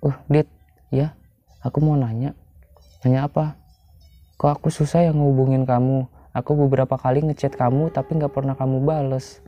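A man reading a gentle young ex-girlfriend's lines from a story game, in a plain, slightly raised voice. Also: mid-range voice, flat delivery, moderate pace, long pauses, muffled recording, close to an everyday voice. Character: young woman, gentle ex-girlfriend, soft-spoken. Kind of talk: reading game dialogue aloud.

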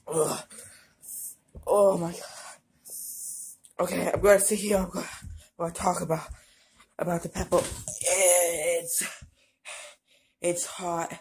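Husky, halting woman vlogger in pain. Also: lowish voice, flat delivery, darkish tone. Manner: halting, stammering, many fillers. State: in burning pain from a hot pepper. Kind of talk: casual vlog.

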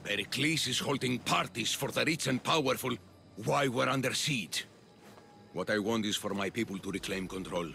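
A man performs the role of an ancient Athenian populist, scheming and grandiose, for a video game, delivering his lines in a gravelly, oratorical way. His mid-range voice is bright and forceful at a moderate pace, with an insinuating mood over soft background music.

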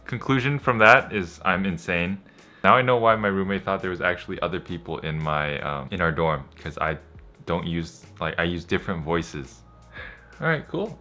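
Deep-voiced young man chatting casually. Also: lively intonation, normal speed, bright, forceful tone, faint music behind. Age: young adult. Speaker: vlogger. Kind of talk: casual vlog chat.

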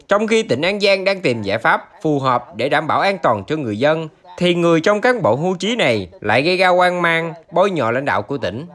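A man's voice: on the high side, a bit bright. A man reading scripted news narration for an online channel in a formal manner.

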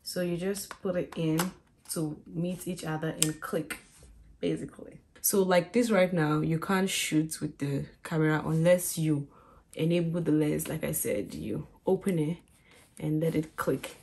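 Her voice is deep, steady and unhurried, a little mellow, with slight background noise. She's a vlogger in her twenties chatting to camera, addressing viewers as "guys" while she points out things around her small bedroom, recorded on the camera mic both at arm's length and across the room.

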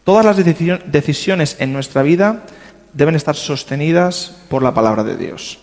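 A man teaches a church class on finances in an easy, conversational way, often pausing to check in with his listeners. His voice sits fairly high, and it rings out with a long reverb that fills the church hall. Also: animated, a little mellow. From Spain. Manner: conversational, checks in with frequent tag questions.

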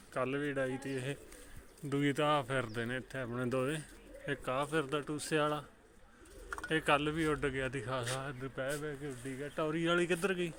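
A man's voice: mid-range voice, fairly bright tone, a little hiss or hum. Man chatting outdoors with his pigeons. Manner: coaxing pigeons with repeated calls, chatty asides to viewers. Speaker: vlogger. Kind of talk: casual vlog narration while handling pigeons.

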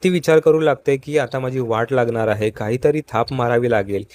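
A man narrates a TV serial recap in voice-over. His voice sits at an ordinary middle pitch, and he keeps a steady storytelling pace, talking to his viewers as friends. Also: a little fast. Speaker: show recap host.

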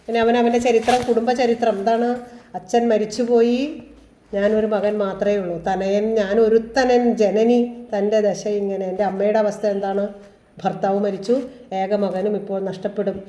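A woman teacher explaining a literature lesson for exams, chanting verse lines slowly and then explaining them plainly, with rhetorical questions to her students. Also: mid-range voice, mellow. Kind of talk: exam-prep literature lesson. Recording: echoey room.

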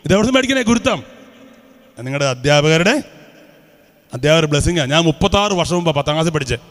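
High-voiced preacher man in echoing hall. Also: expressive, fast. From Kerala. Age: 50s. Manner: quizzes the audience with repeated questions. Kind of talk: lively religious talk to schoolchildren. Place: large hall with student audience. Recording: reverberant hall.

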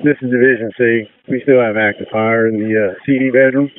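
Man, fire officer, police radio report, mid pitch, tinny, plain delivery. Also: steady tone, brisk, slight background noise. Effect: two-way radio. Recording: distant, tinny radio transmission.

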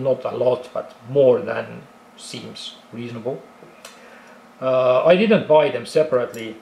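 This Estonian-accented film photography hobbyist has a gravelly, mid-range voice that's a little mellow. He casually explains film cameras in a tutorial, step by step, restarting often and leaning on fillers. The recording is poor, with an echoey room and slight background noise.

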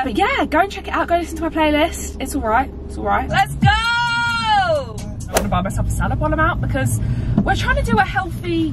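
A woman's voice: high voice, rough recording. A chatty young woman from England, vlogging casually to a camera on the dashboard of her parked car. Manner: chatty, bubbly and self-mocking. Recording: music playing in the background.

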